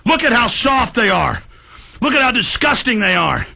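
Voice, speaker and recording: A man hosting a talk show, delivering an indignant, vehement political rant that builds toward yelling. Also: very high voice, big pitch swings, moderate pace, creaky.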